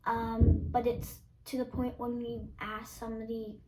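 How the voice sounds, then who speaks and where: A woman's voice: on the high side, little pitch movement, a little slow, noisy background. A teenage girl answering interview questions casually and hesitantly, with many ums and restarts. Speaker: interviewee, younger sibling. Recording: roomy echo, distant mic.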